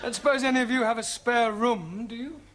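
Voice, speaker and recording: A flustered British schoolteacher in a sitcom, polite yet exasperated. His voice is strikingly high, and the old TV soundtrack is clearly noisy. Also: brisk, crowd noise. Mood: polite, harried. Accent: British English. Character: polite, flustered, long-suffering male English teacher. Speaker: English teacher in a sitcom. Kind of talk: sitcom acting before a studio audience.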